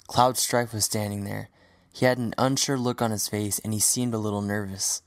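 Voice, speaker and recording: A man narrating a fan audio drama as a storybook reading in a steady, even manner. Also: on the low side, normal speed, dry recording, clean studio sound. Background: faint music.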